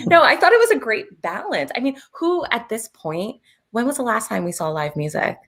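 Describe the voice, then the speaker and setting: A raspy, hoarse woman travel advisor giving a casual online presentation over a video call, chatty and full of fillers. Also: fairly high pitch, big pitch swings, moderate pace, fairly bright tone.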